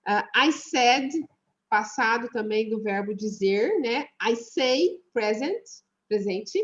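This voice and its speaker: A woman teaching an English class online, explaining song lyrics and slowly repeating words to show their pronunciation. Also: fairly high pitch, animated, muffled recording.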